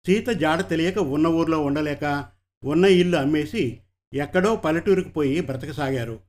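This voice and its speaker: A man narrating an audiobook story in a steady, measured way. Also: a little high.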